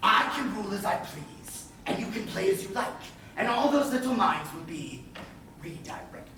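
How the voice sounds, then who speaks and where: An actor on stage playing a scheming, smug pirate captain, grandiose and wry, with deliberate emphasis. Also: male voice, high-pitched, very animated, sharp tone, exaggerated voice. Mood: persuasive. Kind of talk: projected stage-play acting. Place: indoor playhouse stage. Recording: echoey theatre, far mic, faint noise.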